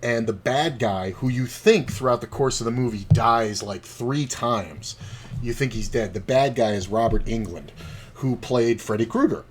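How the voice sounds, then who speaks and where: A man's voice: mid-range voice, normal speed, a little hiss or hum. A man streaming online poker, chatting casually with a rambling, profane, laid-back storytelling manner. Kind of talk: casual commentary while playing online poker.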